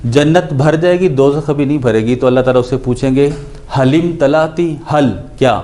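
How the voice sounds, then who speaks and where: A man with a warm, medium-pitched voice gives an Urdu lecture on Quranic grammar. He goes through the Arabic word by word, posing questions and answering them himself.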